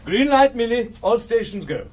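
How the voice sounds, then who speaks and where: Animated, urgent spy operative. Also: male voice, very high-pitched, moderate pace, slight background noise. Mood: brisk, excited. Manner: urgent, clipped, informal. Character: brisk, eager intelligence field operative running an operation. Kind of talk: screen drama acting.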